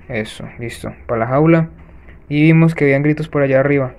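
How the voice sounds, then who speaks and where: A man hosting a let's-play, chatting to viewers as he plays and breaking off with quick gasping reactions. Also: mid-range voice, darkish tone. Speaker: gaming channel host. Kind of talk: let's-play gameplay commentary.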